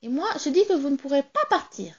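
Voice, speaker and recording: A woman reads out a little rubber doll with a squeaky, chirpy voice, quick and eager to please. She is a clever, polite magic toy from a children's tale. A slightly muffled, lo-fi sound hangs over it. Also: sing-song.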